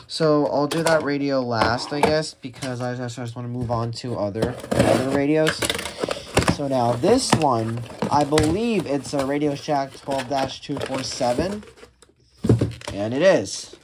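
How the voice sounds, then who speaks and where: Slow, halting man unboxing gadgets. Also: mid-range voice. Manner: halting, restarts sentences, many fillers. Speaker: radio collector unboxing radios. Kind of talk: casual unboxing commentary. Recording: steady background noise with packaging crinkles and clicks.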